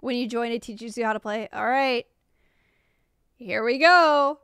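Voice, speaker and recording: A young woman live-streaming a game, gushing with excited exclamations as she chats to her viewers. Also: fairly high pitch, a little slow, smooth, no echo, studio quality. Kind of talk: live gameplay stream chat.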